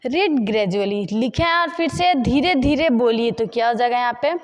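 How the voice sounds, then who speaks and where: Woman English tutor, high-pitched, patient, repeats example sentences slowly for learners. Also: lively intonation. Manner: repeats phrases slowly while writing examples. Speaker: English teacher. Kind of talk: spoken English lesson explained in Hindi.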